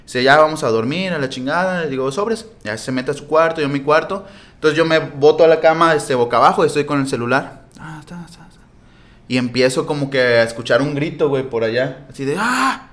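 A man's voice: a little high, fast talker. Slangy young Mexican man telling a story. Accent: Mexican Spanish. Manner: slangy, animated, laughing retelling. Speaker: storyteller in a group podcast. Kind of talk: casual storytelling chat.

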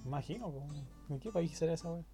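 A young Chilean man chats crudely and jokingly, swearing freely. His voice sits a little high, with faint music playing behind him. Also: lively intonation, quick pace, gravelly. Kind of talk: casual chat.

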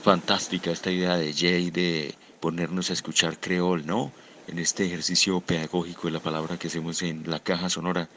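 A man's voice: low-pitched, flat delivery, moderate pace, bright, forceful tone, slight background noise. A man hosting a radio talk show, addressing his guest in a fraternal way. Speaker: radio host.

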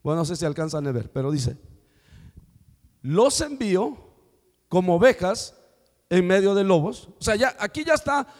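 Male preacher, high-pitched, animated storytelling, sermon, long hall reverb. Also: moderate pace, pauses often. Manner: animated storytelling, acting out dialogue.

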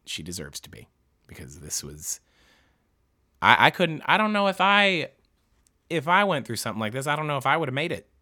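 A man hosting a book-reading show, talking through a true-crime story in casual, emotional commentary, halting and restarting often and swearing. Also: medium pitch, very animated, sharp tone.

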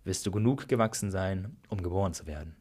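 A man reading the lines of a calm, all-knowing creator god in a spoken story, slow and explaining, with a low husky voice. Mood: solemn.

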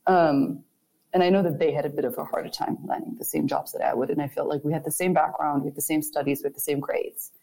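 A woman's voice: low-pitched, steady tone, quick pace, gravelly, warm tone. A young adult woman, chatting reflectively as an interview guest. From Germany. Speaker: guest, architect. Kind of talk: casual interview chat.

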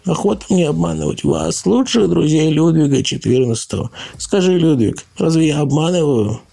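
A man's voice: on the high side, very animated, moderate pace, creaky, warm tone, soft background music, pitched above the performer's own voice, heavily acted. Man doing a whiny sly ghost boy, Laban. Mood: wheedling.

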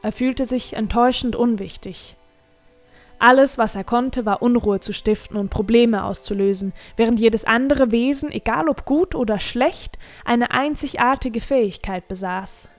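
A woman narrating a fantasy novel in a calm, measured reading voice. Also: fairly high pitch, soft background music. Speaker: audiobook narrator.

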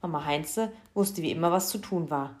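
A woman reading a children's story aloud in a lively, expressive way. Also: fairly low pitch, normal speed.

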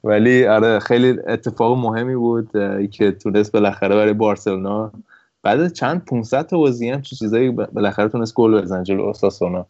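A man's voice: fairly low pitch, darkish tone. A man on a casual football podcast, joking and asking questions with plenty of fillers. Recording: dry, dull lo-fi sound.

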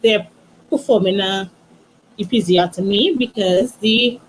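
Soft-spoken woman telling a personal story. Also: medium pitch, slight background noise, poor audio. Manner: soft, halting, many restarts and "you know". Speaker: guest, author.

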